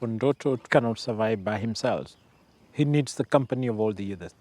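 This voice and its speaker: A man's voice: fairly low pitch, normal speed, darkish tone, no echo. A man who works as an animal keeper, explaining things in conversation. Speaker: elephant keeper.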